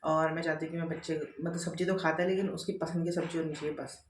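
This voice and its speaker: In a daily home vlog, a mother of two in her thirties talks fast and chattily while doing chores in the kitchen and around the rooms, repeating herself often. Her low voice stays level, with a little hiss or hum in the recording.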